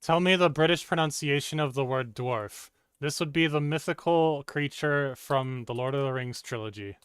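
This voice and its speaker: Calm man with a smooth, dry voice. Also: medium pitch, moderate pace, dry recording. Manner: calm, patient, terse. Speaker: streamer. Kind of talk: patient instructive commands.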